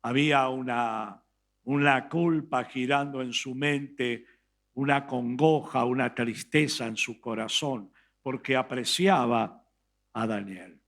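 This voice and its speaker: A man with an Argentine Spanish accent, preaching a sermon as pastor and retelling a scripture story with emphatic, dramatic pauses. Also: mid-range voice, fairly bright tone. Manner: reads scripture aloud slowly.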